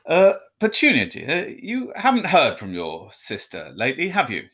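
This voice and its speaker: A man voicing a stuffy middle-aged husband in a storybook, nervous, halting and mumbling. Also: a little high, wildly swooping pitch, fairly bright tone, slightly rough, full character voice.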